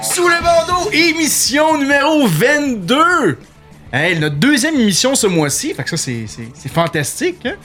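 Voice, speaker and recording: A man with a Québécois French accent hosting a casual radio chat, animated and full of fillers. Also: extremely high pitch, a little slow, over music. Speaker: podcast host.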